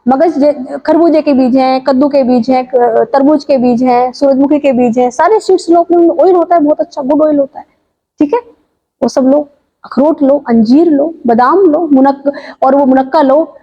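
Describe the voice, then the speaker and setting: A woman teaching yoga and diet in an informal talk, asking listeners lively rhetorical questions. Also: high voice, normal speed. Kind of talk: informal health talk to viewers. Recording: dull lo-fi sound.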